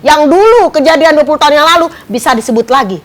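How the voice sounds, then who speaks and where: Lively woman preacher, high bright voice, lots of acted-out voices. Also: quick pace. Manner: animated, acts out quoted wives with high teasing voices. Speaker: ustazah, religious speaker. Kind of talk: lively preaching on a morning TV religious show.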